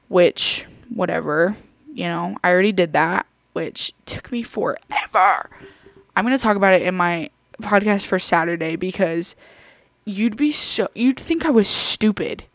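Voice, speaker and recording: A woman's voice: medium pitch, no echo. Chatty young woman hosting a podcast. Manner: chatty, rambling, lots of fillers and giggles. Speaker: podcast host. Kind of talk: casual chat.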